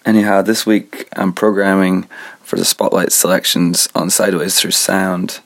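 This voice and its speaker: A young man from Scotland presenting a radio show, introducing songs in a relaxed, conversational way and thinking aloud as he talks. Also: low voice, moderate pace, creaky. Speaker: radio host.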